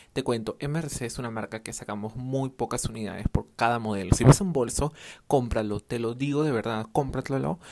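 A young man hosting a casual solo podcast without a proper microphone, rambling and drifting off topic. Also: mid-range voice. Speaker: podcast host, clothing brand owner. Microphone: no dedicated microphone.

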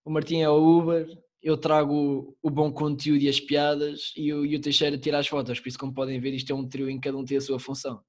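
A young man with a Lisbon Portuguese accent and a slightly high-pitched voice. He talks like a podcast co-host among friends, casual and slangy. Swear words come freely. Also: little pitch movement, quick pace, hardly any pauses. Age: young adult. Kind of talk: casual chat. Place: online call.

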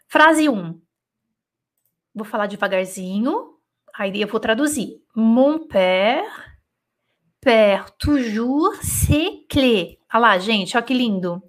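A woman teaching French in a live online lesson, dictating slowly and then explaining in chatty, easygoing Portuguese with lots of "tá?" checks. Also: mid-range voice, a bit bright.

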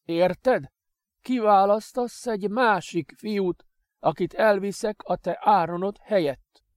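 A man voicing a bitter, scornful young master who is already dying, shouting his lines slowly and with contempt. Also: sits high, no echo, clean studio sound, voice pushed up, lightly acted. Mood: cold, commanding.

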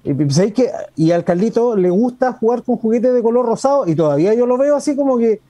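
A Chilean man co-hosting a radio talk show, his voice pitched high but mellow and soft-edged. He rambles casually, mixing earnest points with jokes and local slang. The sound is close and dry. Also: lively intonation, fast, no echo. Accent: Chilean Spanish. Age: adult parent. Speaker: radio co-host.

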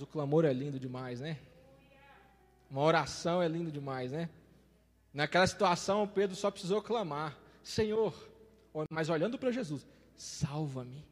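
A man preaching a sermon as an evangelist, impassioned, repeating phrases and swinging between loud declarations and quiet asides. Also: a little high, big-room sound.

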